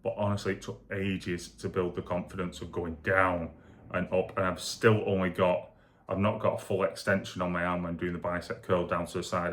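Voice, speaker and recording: Deep-voiced, drained man after surgery. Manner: rambling, candid, matter-of-fact. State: foggy and low on energy after surgery. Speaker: vlogger recovering from shoulder surgery. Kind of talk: casual first-person video diary.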